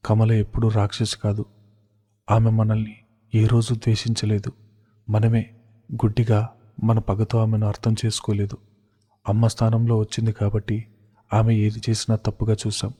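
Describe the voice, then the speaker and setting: A man's voice: lowish voice, completely flat delivery, normal speed, pauses often, warm tone, breathy edge, big-room sound. A man voicing a grieving young brother. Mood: earnest. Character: grieving young man pleading with his sister.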